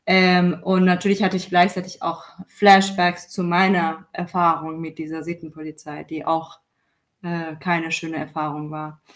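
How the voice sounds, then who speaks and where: In a casual interview, an Iranian woman who is a musician and guest speaks thoughtfully with frequent fillers. Her voice sits on the low side with little pitch movement, and her measured pace varies at times.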